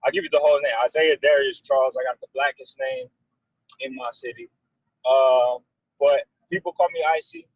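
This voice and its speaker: A man's voice: medium pitch, steady tone, moderate pace, breathy edge, dry recording, muffled recording. A young man from Texas introducing himself on a casual video call, laid-back and rambling. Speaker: guest, amateur boxer.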